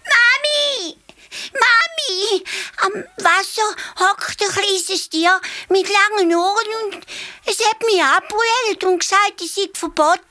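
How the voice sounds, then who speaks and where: A tearful, high baby elephant. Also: female voice, slow pace, bright, forceful tone, exaggerated voice. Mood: crying. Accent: Swiss German. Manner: stammers, whiny. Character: young elephant calf, timid and tearful.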